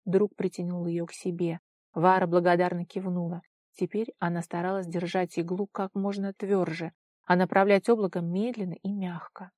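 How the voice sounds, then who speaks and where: A woman narrating a storybook in an even, steady read. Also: fairly low pitch, normal speed, no echo, clean studio sound. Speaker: audiobook narrator. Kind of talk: scripted narration.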